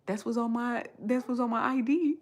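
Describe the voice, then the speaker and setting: An American live streamer from Chicago, a woman in her thirties, chats casually on a livestream in a slightly high, darkish voice at a moderate pace. She's slangy and emphatic, telling stories with animation and repeating phrases to drive her point home.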